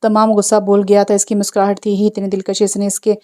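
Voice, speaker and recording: A woman narrates a romance novel in a calm, even storytelling voice. Her pitch barely moves. The tone is smooth and darkly mellow. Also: fast talker. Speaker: audiobook narrator.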